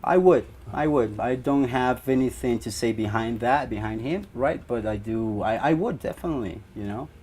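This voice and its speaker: A man's voice: medium pitch, normal speed, few pauses, darkish tone, slight background noise. A young man from Ecuador, a band guitarist, answering interview questions in a rambling way with many fillers.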